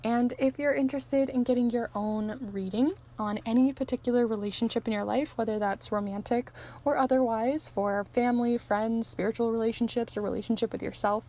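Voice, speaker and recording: A woman who is losing her voice gives an easygoing, chatty tarot reading to her viewers, with soft laughs between phrases. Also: on the high side, steady tone, a little fast. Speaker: tarot reader and channel host. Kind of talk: pick-a-card tarot reading to camera.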